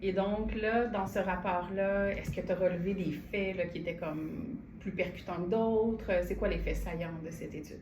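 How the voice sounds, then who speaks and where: A woman's voice: medium pitch, steady tone, moderate pace, hardly any pauses, background noise. A woman with a Québécois French accent hosting a radio show, attentive, backing up her guest with short affirmations. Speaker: radio host. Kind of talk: radio interview. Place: radio studio.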